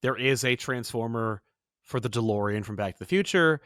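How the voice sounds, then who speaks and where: A man co-hosting a pop culture podcast, talking in a casual, playful and animated way. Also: medium pitch, normal speed, no echo, clean studio sound. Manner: animated, playful, puts on silly voices in quotes. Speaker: podcast co-host. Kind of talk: casual chat.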